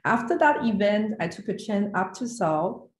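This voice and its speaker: Animated and moving at a moderate pace, a medium-pitched woman presents prepared remarks in an online session. This guest speaker is a finance executive from Taiwan, talking from an indoor room over video call. Her echoing voice comes through roomy online call audio.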